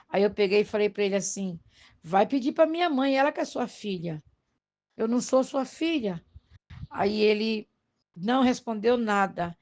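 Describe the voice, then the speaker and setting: A woman's voice: fairly high pitch, a little mellow. A Brazilian woman giving a spoken religious testimony, telling her story earnestly with many restarts and pleading with listeners. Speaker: testimony giver.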